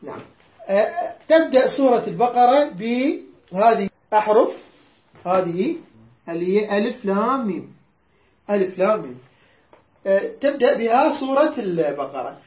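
A woman's voice: medium pitch, animated, moderate pace, long pauses. A woman with an Iraqi accent teaching a Quran class, patiently repeating words and quizzing her students. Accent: Iraqi Arabic. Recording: roomy dull lo-fi recording.

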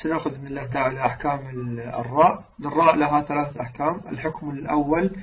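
A man teaching the rules of Quran recitation, stretching example words out slowly and asking his listeners questions he answers himself. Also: fairly high pitch, fairly even intonation. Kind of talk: religious lesson on recitation rules. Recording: distant, dull lo-fi mic with faint noise.

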